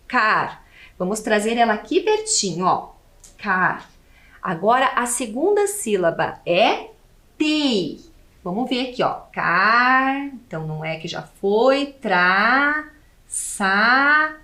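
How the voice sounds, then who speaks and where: A Brazilian woman teaching a televised class to children, slow and patient, asking the class questions as she goes. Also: a little high. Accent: Brazilian Portuguese.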